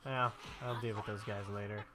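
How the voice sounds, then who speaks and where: Over a noisy background, a young man talks a little quickly in a lowish, level voice, his nose blocked by allergies. It's casual game commentary, full of meandering anecdotes as he plays along.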